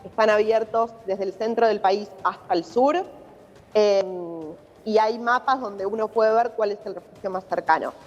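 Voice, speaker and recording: A woman with an Argentine accent, working as a journalist reporting from abroad, explains a situation during a live news interview. Her voice is medium-pitched and steady, at a normal speed. The remote link sounds muffled, with long reverberation.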